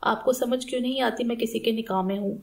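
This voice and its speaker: A woman's voice: a little high, fairly even intonation, creaky. A woman reading the lines of a loyal young wife who is frightened in an audiobook novel. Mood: distressed.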